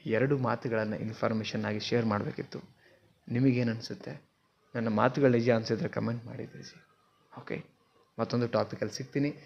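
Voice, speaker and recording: A man's voice: mid-range voice, steady tone, a little fast, creaky, long pauses, dull audio. A man with a Kannada accent giving an earnest motivational talk to camera, asking the viewer questions on a simple mic. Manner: earnest, questions the viewer, mixes in English words. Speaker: motivational speaker. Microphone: simple mic, not professional.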